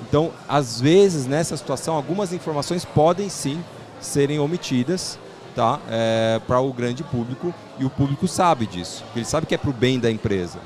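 A man's voice: medium pitch, lively intonation, normal speed, darkish tone. A man with a Brazilian Portuguese accent giving informal, explanatory interview answers as a podcast guest, often tagging on little check questions. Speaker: podcast guest, startup investment platform founder.

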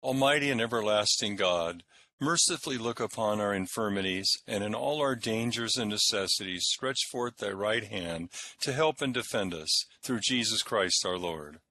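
A man leading church prayers as a minister, reciting in a measured, solemn and formal way. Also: fairly low pitch, pushed and bright. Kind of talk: liturgical recitation and sermon.

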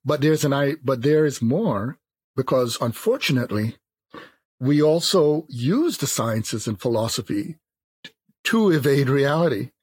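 A man in his fifties, from Jamaica, speaking as a philosopher in a thoughtful, measured interview. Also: mid-range voice, expressive, a little mellow, breathy edge, no echo. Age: 50s. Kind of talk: reflective interview talk.

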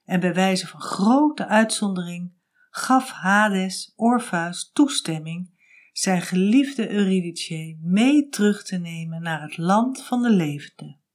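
A woman telling a myth aloud, slow and deliberate, building tension toward dramatic moments. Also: lowish voice. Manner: expressive, slow and deliberate, rising to urgency at climaxes. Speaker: storyteller. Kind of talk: dramatic storytelling narration.

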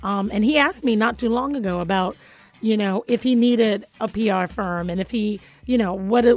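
A woman's voice: mid-range voice, no echo. A woman hosting a radio talk show, chatting casually and speaking straight to her listeners. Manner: chatty, talks to listeners directly. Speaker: radio host.

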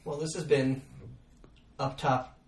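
A man's voice: mid-range voice, level tone, takes it slowly, echoey room, distant mic, slight background noise. A young adult man hosting a podcast, telling stories about his youth in a self-mocking, laughing way. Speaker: podcast host. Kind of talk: casual storytelling chat.

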